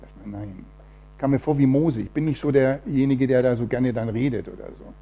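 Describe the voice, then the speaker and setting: A man's voice: mid-range voice, fairly quick, muffled recording. A man giving a testimony sermon in church, telling his story with quoted voices acted out and reading a Bible passage aloud.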